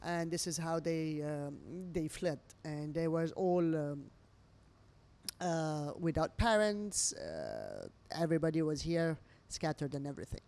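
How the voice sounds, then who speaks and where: She has a deep voice with vocal fry and takes her time. A middle-aged restaurant owner from Lebanon, she is interviewed over a meal and speaks as an expressive storyteller, her English phrasing clearly non-native and imperfect.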